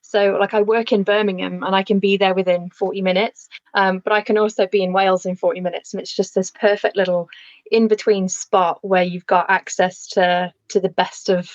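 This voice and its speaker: A woman's voice: mid-range voice, level tone, normal speed, no room sound. Dull-sounding chatty woman from Lancashire. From Lancashire, England. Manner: chatty, laughs often, fillers. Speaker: podcast guest, landscape architect. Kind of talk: casual interview chat.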